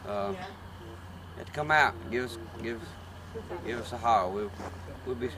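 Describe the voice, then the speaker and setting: A man answering casually and haltingly in an interview as an attraction operator. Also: medium pitch, creaky, crowd noise. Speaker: haunted trail operator being interviewed. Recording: noisy outdoor recording with steady background noise.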